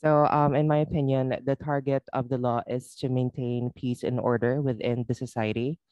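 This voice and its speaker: A man student giving his answer in a measured way. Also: medium pitch, flat delivery, dry recording. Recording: dull lo-fi dry sound.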